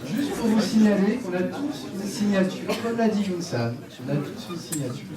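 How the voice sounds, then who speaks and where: A man with a high, animated voice speaks at normal speed during a live sports conference lecture, wearing a headset mic as a crowd murmurs behind him. He leads the audience through exercises in a directive, joking way. The room is echoey, his voice sounds distant, and there's faint room noise.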